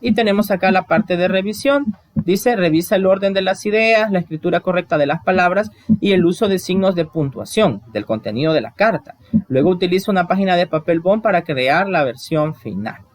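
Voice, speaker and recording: Guy teaching an online class, kinda high voice, dry close sound. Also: fairly quick, dry recording. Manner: explains step by step and asks the class questions. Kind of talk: recorded online lesson.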